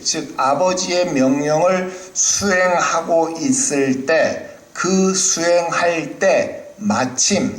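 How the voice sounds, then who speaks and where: A man's voice: fairly high pitch, reverberant. A male pastor preaching a sermon in a church, speaking animatedly and asking the congregation questions. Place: church hall.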